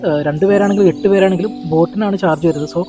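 A man's voice: high-pitched, rapid-fire. A man narrating a casual travel vlog, mixing English words into his Malayalam. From Kerala, India. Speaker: travel vlogger. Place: outdoors on a small boat in mangroves. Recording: music over outdoor vlog audio. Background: prominent music.

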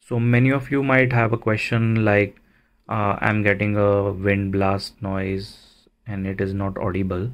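A man giving a casual, unhurried how-to narration, explaining things plainly step by step. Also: on the low side, flat delivery. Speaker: motovlogger, presenter.

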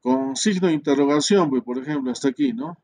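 A man's voice: a little high, a little fast, a little mellow. A man teaching networking in a screen-recorded tutorial, thinking aloud, muttering, and tagging his sentences with questions to the class. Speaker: networking instructor.

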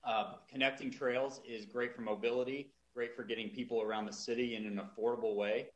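A man on a city council giving halting remarks at a meeting, with many fillers. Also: medium pitch, steady tone, echoey room, highs cut off.

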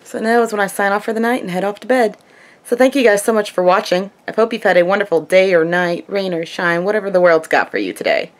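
A young woman chats informally to her camera, as in a personal video diary. Her voice sits at a medium pitch for a woman. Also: fast. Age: young adult. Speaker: vlogger. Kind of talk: casual video diary chat. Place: small wood-paneled room at home.

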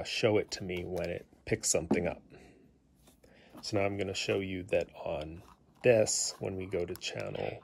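Gravelly yet warm, the lowish voice belongs to a hobbyist giving an offhand gadget demo in his living room. He explains things hesitantly and wanders as he goes, without a script. There's a slight hiss or hum in the audio.

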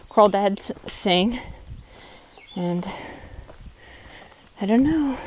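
Walking a forest trail outdoors, a thru-hiker vlogger narrates casually into her handheld phone camera, sounding chatty, candid, and slightly worn out. Her voice sits at medium pitch, and there's a faint hiss or hum in the recording.

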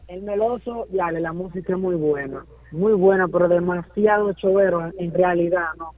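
A Dominican man calling into a radio show, excited and rambling, heard over a phone line. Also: sits high, moderate pace, dry recording. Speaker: caller.

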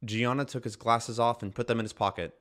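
A man reading single words and example sentences in a careful, even way for a study deck. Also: medium pitch, normal speed. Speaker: recorded example-sentence reader.

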